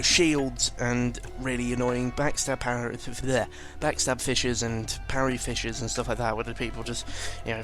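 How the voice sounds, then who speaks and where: A man with a medium-pitched, fairly bright tone comments on a game in a casual, meandering style. He swears freely and keeps correcting himself as he goes, as gaming video commentators often do.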